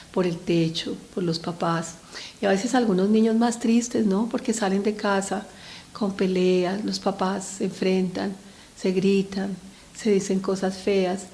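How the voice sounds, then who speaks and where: A woman's voice: mid-range voice, darkish tone, slight background noise. A middle-aged woman giving an earnest talk to parents about children's emotions, speaking to them directly and often checking in with short tag questions. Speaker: speaker on family mental health.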